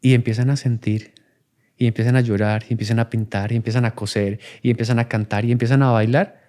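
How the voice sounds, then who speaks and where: A man's voice: medium pitch, fairly even intonation, quick pace, warm tone. Man, podcast guest, reflective talk, acts out examples. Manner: acts out child and adult voices in examples. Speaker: podcast guest speaking on conscious parenting. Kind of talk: reflective conversational explanation.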